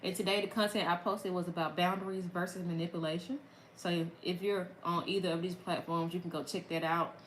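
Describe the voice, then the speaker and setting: A woman's voice: fairly low pitch, steady tone, fairly quick, a bit bright, echoey room, a little hiss or hum, low-quality recording. A woman from Mississippi with a Southern accent, chatting casually to her viewers on a livestream and laughing often. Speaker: content creator.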